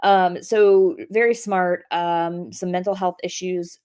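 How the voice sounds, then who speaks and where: A woman hosting a casual live stream on a trial, chatty and rambling, with many pauses and ums. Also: fairly low pitch, steady tone, darkish tone, clear, resonant tone. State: out of breath. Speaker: true crime commentator host.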